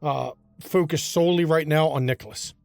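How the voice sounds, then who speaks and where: A man narrating a tabletop role-playing game as game master, in a descriptive, unhurried storytelling manner. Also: a little high, vocal fry, darkish tone, dry recording, faint music behind.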